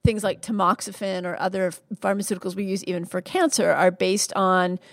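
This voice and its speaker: A woman's voice: medium pitch, steady tone, brisk, dry recording. Fifty-something woman, dry close mic. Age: 50s. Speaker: podcast host and physician. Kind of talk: casual conversational interview.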